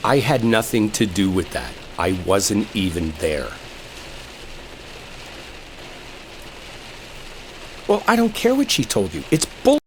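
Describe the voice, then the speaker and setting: Playing a sarcastic, exasperated male coworker in an enemies-to-lovers audio drama, a man argues while driving with defensive anger, irritated and swearing. His voice is lowish. Storm rain and vehicle ambience fill the backdrop.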